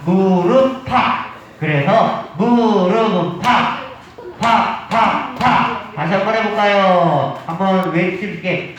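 A high-pitched man leads seniors through a clapping game and chants each beat slowly and steadily. He sounds far from the mic, and the room echoes heavily around him with a faint hiss underneath. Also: a bit bright. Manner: rhythmic chanting of sound words, coaxing elders. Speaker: senior recreation instructor. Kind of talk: leading a clapping game class.

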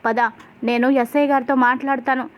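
A woman's voice: sits high, level tone, a little fast, natural voice. A woman reading the lines of a loyal, hot-tempered young husband in a retold serial story.

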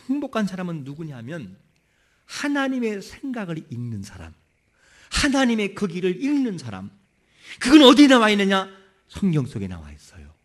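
Animated male preacher, lively voice. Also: fairly high pitch. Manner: animated, asks the congregation rhetorical questions. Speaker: pastor. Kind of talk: sermon.

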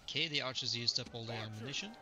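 A man's voice: mid-range voice, very fast, slight background noise. A man streaming a strategy game, chatting casually with viewers as he plays. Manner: relaxed, chatty, greets viewers. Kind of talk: live gaming commentary.

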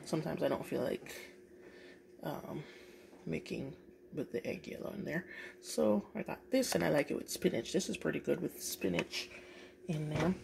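A woman showing off her grocery haul in a casual vlog from her kitchen, unhurried and pausing often with "um". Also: deep voice, creaky. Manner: unhurried, with frequent pauses and "um" fillers. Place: home kitchen, indoors. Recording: packaging noise over the voice. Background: crinkling plastic packaging.

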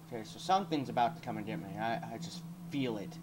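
A man playing a horror game and commenting as he goes, swearing a lot and yelping and shouting when he gets scared. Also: medium pitch, lively intonation, fast talker, noisy background. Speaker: gaming YouTuber.

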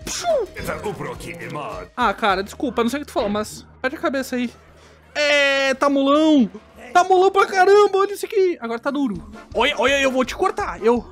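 A woman with a high, bouncy voice chatters through a virtual reality game, excitable and playful, scolding and joking with the characters she fights. Her pitch swoops all over as she talks, and soft music plays faintly underneath. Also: a little fast. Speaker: gaming YouTuber. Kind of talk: casual gameplay commentary.

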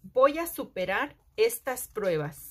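A woman voicing an earnest young boy in a children's storybook, speaking in slow, simple phrases. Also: fairly high pitch, sing-song, heavily acted. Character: earnest young boy searching for his father. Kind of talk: storybook read-aloud.

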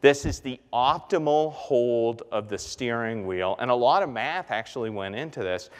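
A middle-aged man from the Bahamas giving an animated keynote talk on a conference stage, pacing and gesturing as he speaks. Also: mid-range voice, moderate pace, clean tone. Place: large conference hall stage. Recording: reverberant hall.

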